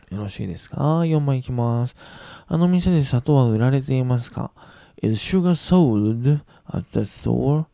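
A man teaching English grammar, patiently repeating each example sentence slowly and reassuring his students. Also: medium pitch, gravelly, warm tone, dry recording, clean studio sound. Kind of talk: recorded grammar lesson.

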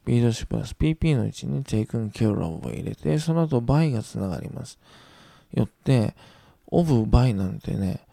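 Gravelly dark-voiced male teacher. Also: medium pitch, lively intonation, no echo, studio quality. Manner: patient, repeats example sentences slowly; gentle reassurance to students. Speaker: English teacher. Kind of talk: recorded grammar lesson.

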